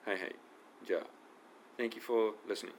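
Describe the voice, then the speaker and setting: In this low-pitched clip, a middle-aged Kansai-accented man teaches English pronunciation in an easygoing way. He fills pauses while thinking aloud and models English phrases at a slow pace, over a slight hiss or hum.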